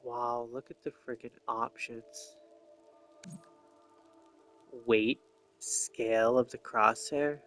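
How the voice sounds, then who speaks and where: This man's voice is mid-range and fairly bright, with fairly even intonation and a slow pace. As a gameplay streamer, he mutters and thinks aloud in loose, improvised commentary over faint game music.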